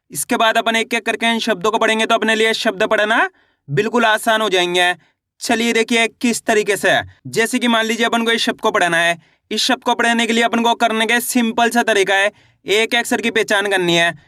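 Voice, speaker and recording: A bright, fairly high-pitched man leads a Hindi reading lesson in a dry, close recording. He keeps asking his own questions and then answering them. He slows right down to sound out each syllable. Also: dry recording. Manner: patient, repeats questions and answers them himself. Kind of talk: online literacy lesson.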